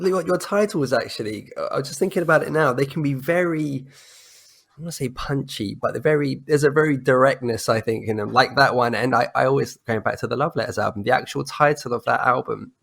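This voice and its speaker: A man's voice: medium pitch, gravelly, fairly bright tone. A man hosting a podcast interview, searching for words with many restarts. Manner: hesitant, searching for words, appreciative. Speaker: podcast host. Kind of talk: casual interview chat.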